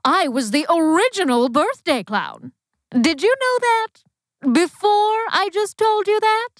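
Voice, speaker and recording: A woman's voice: very high voice, expressive, takes it slowly, dry recording, studio quality, heavily acted. A woman playing a self-important, boastful professor and proud old-hand clown who hosts a comedy podcast, grandiose and theatrical. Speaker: podcast host. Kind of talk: comedy podcast character acting.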